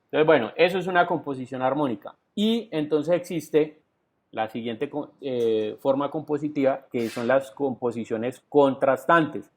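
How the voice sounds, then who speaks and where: Speaking a little slowly in a mid-range voice, this Colombian-accented man leads a virtual class over video call, explaining things step by step and regularly checking that students follow. He leans on "entonces" and tag questions like "¿sí?". Audio comes through a computer mic from a home or office and sounds dull and lo-fi, typical of online lessons.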